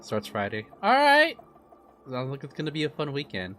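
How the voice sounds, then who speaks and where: A man live-streaming his reaction to a game, chatting casually with viewers in an animated, talkative way. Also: medium pitch, fast, faint music behind.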